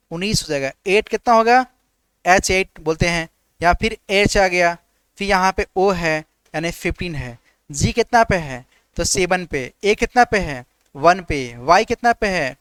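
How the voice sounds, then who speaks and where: A man teaching an exam-prep reasoning class online, firing quick questions about letter positions and answering them himself in a steady call-and-response drill. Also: high voice, smooth, no echo. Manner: repeats "ठीक है" as a filler. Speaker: reasoning teacher for government exams.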